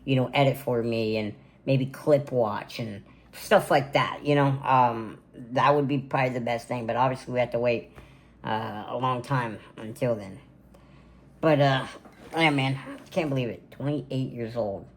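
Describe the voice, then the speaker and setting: A man's voice: mid-range voice, unhurried. Rambling young man vlogging casually. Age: 20s. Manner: rambling, filler-heavy, casual slang. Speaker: content creator. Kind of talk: casual birthday vlog to camera. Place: home gaming room, indoors.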